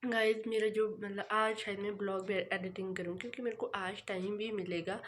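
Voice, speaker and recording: A young woman vlogger from the hills of northern India, chatting fast and rambling with many fillers, sounding tired. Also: mid-range voice, steady tone, a little hiss or hum. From Himachal Pradesh, India. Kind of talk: casual vlog chat. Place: home.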